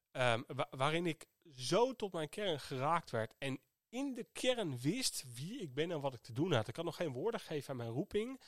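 A man's voice: mid-range voice, no room sound, studio quality. A man hosting a podcast, telling a personal story in an earnest, reflective way. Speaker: podcast host.

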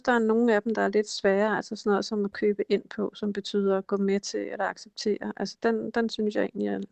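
Woman explaining stuff in an interview, gravelly voice, dry close sound. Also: medium pitch, darkish tone, no echo. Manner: explanatory, hesitant with fillers. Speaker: language expert guest. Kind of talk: conversational interview.

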